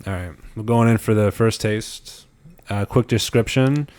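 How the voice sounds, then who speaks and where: Young male podcast host with a low-pitched voice; playful, ribbing tone. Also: a little slow, a little mellow, smooth. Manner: teasing, laughs often, restarts a lot. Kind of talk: casual chat.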